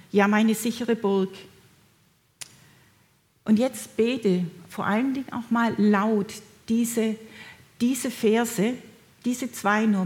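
A middle-aged woman preaching a sermon in a gentle, encouraging way, speaking directly to her listeners. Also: fairly high pitch.

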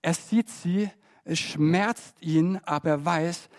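A man preaching a sermon in a church service, swinging between loud emphasis and soft, quiet appeals. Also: on the high side, takes it slowly.

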